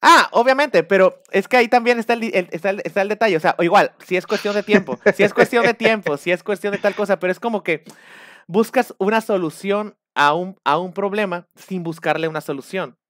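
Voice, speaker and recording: A man with a Mexican accent talking casually on a live stream, rambling and animated. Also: sits high, a little fast, dry recording, studio quality. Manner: rambling, animated, acts out shouted quotes.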